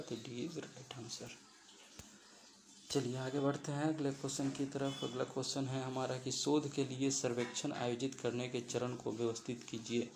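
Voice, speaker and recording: Gravelly man explaining quiz answers. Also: medium pitch, a little mellow, slight background noise, poor audio. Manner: walks through each option step by step, mixing English terms into the talk. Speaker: exam-prep teacher.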